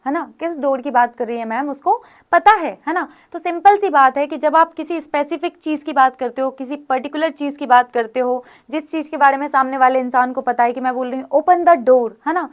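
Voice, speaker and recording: Lady teacher, fairly high voice, keeps asking "theek hai?" as she explains. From India. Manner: frequent check-in questions to students. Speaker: grammar teacher. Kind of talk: explanatory classroom lesson.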